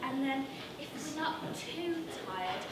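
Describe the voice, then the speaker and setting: A shy, giggly female dating contestant, played by a woman, nervous and hesitant. The voice is high and slow, picked up from afar in an echoey live sketch. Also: lively intonation. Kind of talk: comedy sketch acting on stage. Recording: distant echoey noisy stage recording.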